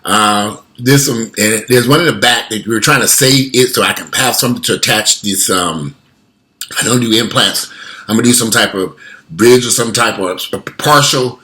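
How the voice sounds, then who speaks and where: Toothless guy late 40s, lowish voice, chatting to followers, blunt, says stuff twice. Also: normal speed, bright, forceful tone, rough recording. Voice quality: toothless speech, missing teeth. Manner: blunt, emphatic, repeats himself. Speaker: vlogger. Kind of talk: casual talk to social media followers.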